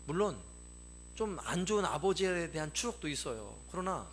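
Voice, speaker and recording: A man's voice: fairly high pitch, big pitch swings, normal speed, slight background noise. A male pastor preaching a sermon, emphatic, repeating key phrases and putting questions to the congregation.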